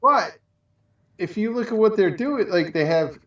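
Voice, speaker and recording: Co-hosting a casual show, a man rambles colloquially and piles up examples. His voice is high, a bit bright and lively in intonation, and he's in no hurry. The recording sounds muffled and echoey, as if he's far from the mic.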